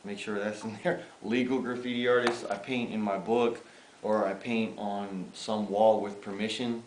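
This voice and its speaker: A man's voice: lowish voice, fairly even intonation, moderate pace, reverberant, slight background noise, rough recording. A man in his thirties from the Bronx, a graffiti artist chatting in a casual interview, rambling with many fillers. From the Bronx, New York. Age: 30s. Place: outdoors.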